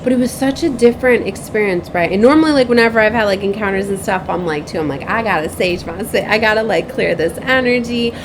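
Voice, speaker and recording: Fast and nearly pause-free, a medium-pitched woman hosts a rambling spiritual vlog as a tarot reader and advisor while noise fills the background. She repeats herself, leans on tag questions to seek agreement, and acts out pieces of past conversations.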